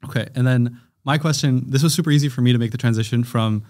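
Young man, very fast pace, casual co-host questions, studio mic. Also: mid-range voice, a little mellow. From California. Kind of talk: casual podcast interview. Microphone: studio mic on boom arm, headphones.

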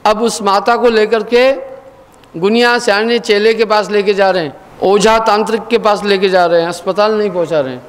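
A man giving a spiritual discourse, earnest and questioning, sometimes chanting verses slowly. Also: sits high, steady tone. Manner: sings verses in slow chant. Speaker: spiritual teacher. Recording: long hall reverb.

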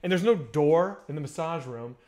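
A man in his thirties, voice a little high and pace moderate, hosts a casual chat over video call. Speaking into a headset mic at home with bookshelves behind him, this podcast host tells crude stories with lively animation.

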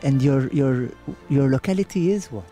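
A Maltese man in his thirties hosts a TV segment outdoors in a garden, speaking into a handheld microphone. He coaches and repeats himself, then turns sentimental. Soft music plays behind him. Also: mid-range voice, moderate pace. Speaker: TV host.

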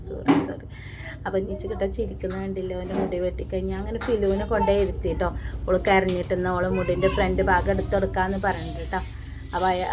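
A mother from Malappuram, Kerala, with a mid-range voice and a Malabar Malayalam accent narrates a family vlog. She records her chatty voice-over in a separate room at home, apart from the filmed scenes, adding warm tag words at the ends of lines. The home recording is noisy, with kids audible in the background.

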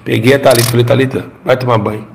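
A middle-aged Brazilian former pastor delivers an emotional testimony in a mid-range, creaky voice, talking rapidly with fairly even intonation over a little hiss or hum. He narrates dramatically, repeats his own phrases and gets the audience to repeat after him.

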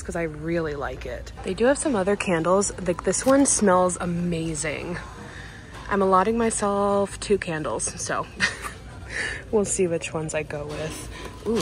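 A young lifestyle vlogger with a lower voice chatters excitedly in a casual shop-with-me vlog, talking straight to her viewers. She holds her phone at arm's length inside a large retail store, where the store's hum is clearly audible behind her.

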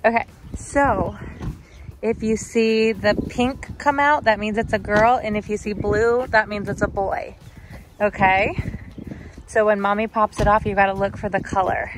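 A woman's voice: medium pitch, fairly even intonation, a little slow, noisy background. A woman hosting a family vlog, casually asking relatives for their guesses in chatty style. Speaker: vlog host, expectant mother.

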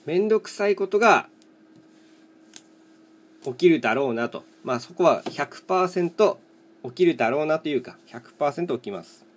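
A man's voice: on the high side, lively intonation, moderate pace, pauses often. A man casually commentating as he plays, thinking aloud in short, matter-of-fact fragments. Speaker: host of a solo mahjong chat video and live streamer. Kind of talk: casual rambling commentary while playing tiles.

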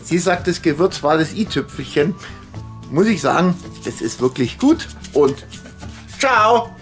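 A man's voice: a little high, big pitch swings, a little slow, faint music behind. A man hosting a casual grilling vlog outdoors, chatty and playful as he presents a dessert to friends. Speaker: grill channel host. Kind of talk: casual cooking vlog chat.

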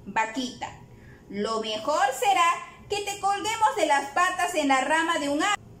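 Woman playing a sly male bat for a storybook reading, lowered knowing voice, slow, echoey. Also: lively intonation, fairly bright tone, a little hiss or hum, heavily acted. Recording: echoey room.

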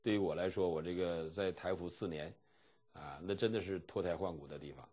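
Middle-aged guy from mainland china lecturing seminary students, lowish husky voice, acts out stories and chuckles. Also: fairly quick. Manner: animated storytelling, acting out dialogue with chuckles. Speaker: seminary teacher and pastor.

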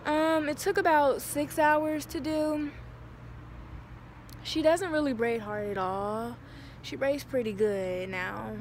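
Slow, chatty woman vlogging. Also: high voice, steady tone. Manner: chatty, talks straight to viewers. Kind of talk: casual vlog chat. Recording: noisy background hiss.

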